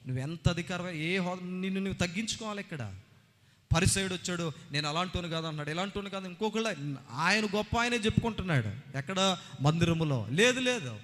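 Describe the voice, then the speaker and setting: A male pastor preaches with a high, ringing voice, firing questions at his congregation and repeating phrases for emphasis. His words carry a long reverb from a large church hall. The delivery is earnest and insistent. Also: expressive, fairly quick, fairly bright tone. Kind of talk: sermon.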